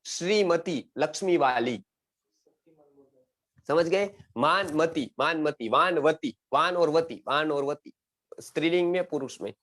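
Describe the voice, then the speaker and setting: A middle-aged man from India teaching an online Sanskrit lesson, repeating words and checking that his students follow. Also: on the high side. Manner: quizzing students, repeats words, frequent "samajh gaye?". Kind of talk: explanatory online class lecture.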